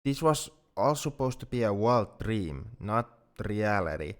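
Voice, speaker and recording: A man plays a self-doubting alien friend in an intimate ASMR roleplay monologue, his deep, clean voice resonant and smooth. Animated yet a little slow, he speaks earnestly in careful, formal phrasing that halts as he goes. He sounds anxious and lovesick, stunned but hopeful.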